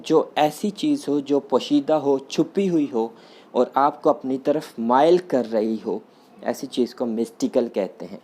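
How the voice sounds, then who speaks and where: A man teaching a vocabulary lesson, going slowly and repeating each point as he rephrases it in Urdu and English. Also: on the high side, a little mellow. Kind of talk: classroom lesson explaining vocabulary.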